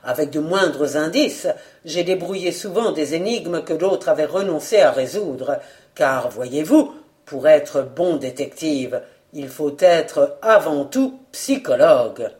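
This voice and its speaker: A reader voicing a shrewd, warm, confident detective in an audiobook, speaking in an assured, fatherly, emphatic way. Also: mid-range voice, animated, slow pace. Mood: cheerful. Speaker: detective in a novel. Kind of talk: audiobook character reading.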